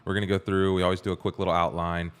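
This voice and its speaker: Deep-voiced upbeat male podcast host. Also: level tone, very fast, clean tone. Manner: upbeat, loose, greets chat viewers. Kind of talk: casual livestream podcast hosting.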